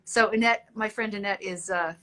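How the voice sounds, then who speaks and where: A woman with a voice of middling pitch hosts a relaxed livestream interview. She talks chattily to her viewers and thinks aloud as she moves between questions. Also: moderate pace. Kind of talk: casual livestream hosting.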